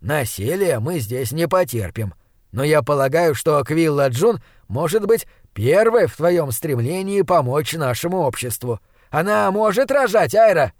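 A man reads as a smooth, patronizing old leader of a small town, coaxing and talking down to a young stranger. The voice sits a touch high and sounds close and dry, with no room around it. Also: very animated, a little slow, no room sound. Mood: stern. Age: older. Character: elderly male town elder, smooth, condescending.

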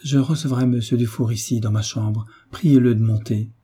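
A man reading the lines of an anxious young mother in a gentle, urgent tone, with a husky voice. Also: mid-range voice, fairly even intonation, normal speed. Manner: soft, urgent pleading.

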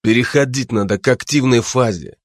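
A man's voice: medium pitch, brisk, dry recording, studio quality, lightly acted. A man voicing a hot-tempered gang boss who barks short orders. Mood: stern. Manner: curt, barking orders.

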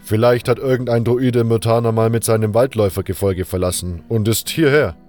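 Speaking in a steady, brisk, mid-range voice with a touch of mellowness, a man voices a blunt, uneducated adventurer for a fan audio drama. His delivery sounds natural as the gruff, carefree character muses aloud in loose, colloquial, untroubled rambling. Soft music runs behind him.

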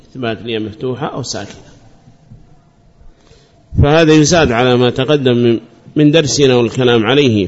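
A man teaching a grammar lesson at an even, mid-range pitch, calling on students by name and restating each rule patiently. The recording is muffled and lo-fi. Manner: quizzes students by name and praises answers; repeats and restates points patiently.

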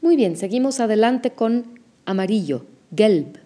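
A woman teaching an audio language lesson, explaining pronunciation slowly and carefully. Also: mid-range voice, expressive, warm tone.

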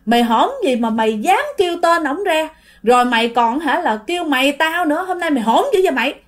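A woman's voice: sits high, animated, fast talker. A woman with a Southern Vietnamese accent voicing an irritated older wife scolding a neighbor.

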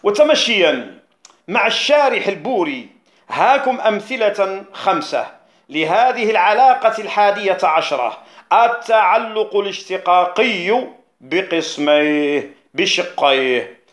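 A man, a jurist, explaining a classical poem on rhetoric in a recorded lesson, repeating key phrases and slowing down on technical terms. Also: sits high, big pitch swings, fairly bright tone. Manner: slows down to stress technical terms. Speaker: Islamic jurist teaching rhetoric.

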